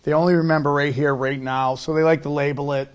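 A middle-aged male comedian appears as an interview guest, talking casually but emphatically and repeating himself for effect. His voice is fairly high-pitched with a level tone and a quick pace.

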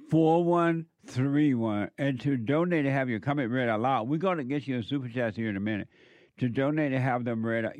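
A man with a smooth radio host delivery, hosting a call-in talk show and slowly repeating phone numbers for listeners. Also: medium pitch, a little mellow, no room sound.

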